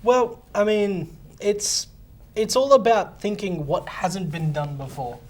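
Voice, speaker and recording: A man's voice: high voice, slow pace, a little mellow. A man playing a pompous, self-important film director who hesitates his way through boasts as a guest on a parody talk show. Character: smug, self-important male film director, deluded about his genius.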